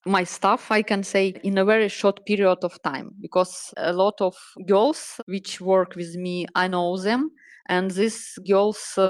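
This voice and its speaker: A Ukrainian woman in her thirties, a salon owner and project manager, answering interview questions in careful, halting English with many pauses. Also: lowish voice, no echo. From Ukraine, Donetsk region. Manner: earnest, halting non-native phrasing with many pauses.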